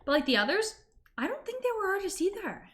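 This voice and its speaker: A woman's voice: very high voice, sing-song, fast talker. A woman streamer in casual reaction chat, talking informally and emphatically and acting out the reactions she quotes.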